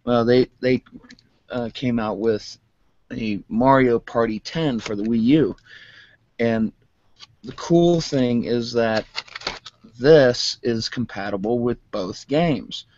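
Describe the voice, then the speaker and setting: A man with a self-described monotone voice chatting casually through a toy unboxing, rambling with lots of fillers. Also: mid-range voice, takes it slowly, long pauses, dull audio. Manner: rambling, many fillers, calls own voice monotone. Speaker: vlogger.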